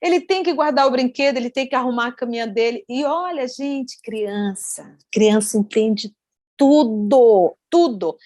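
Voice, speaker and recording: Animated Brazilian woman telling stories. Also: a little high, measured pace, no echo. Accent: Brazilian Portuguese. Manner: animated storytelling, repeats words for emphasis. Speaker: invited speaker. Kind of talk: online study talk. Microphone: video call.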